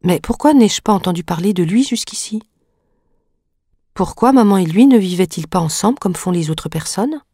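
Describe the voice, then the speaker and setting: A woman's voice: mid-range voice, animated, moderate pace, dark tone, breathy edge, no room sound, studio quality. A woman reading aloud voices a sickly, frightened young boy who pleads and resists in plaintive questions.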